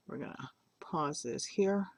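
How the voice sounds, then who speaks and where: Older lady doing a clay tutorial on her webcam, slow and gravelly, jokey and rambling. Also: low voice, expressive, no room sound. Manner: rambling, joking, self-deprecating. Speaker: polymer clay artist teaching. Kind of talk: chatty craft tutorial.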